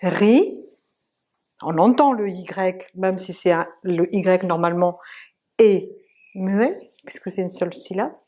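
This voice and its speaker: Slow, patient woman teaching pronunciation. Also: lowish voice, dark tone. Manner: patient, drills sounds slowly and repeats examples. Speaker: language teacher. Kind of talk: pronunciation lesson.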